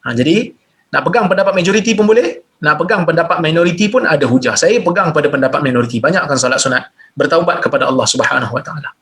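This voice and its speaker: A quick-talking man with a bit of brightness in his voice and a Malaysian Malay accent answers listeners' questions in a religious Q&A lecture. He reads each one aloud, explains it plainly and leaps up in pitch to drive points home.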